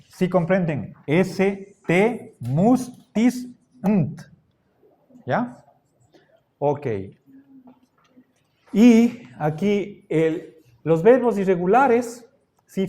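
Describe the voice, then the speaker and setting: A male teacher giving a Latin grammar lecture at an unhurried, careful pace, in a voice pitched somewhat high for a man. He repeats each form and keeps checking in with his students. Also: mellow. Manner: slow and deliberate, repeats forms, keeps checking with the class. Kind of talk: classroom lecture.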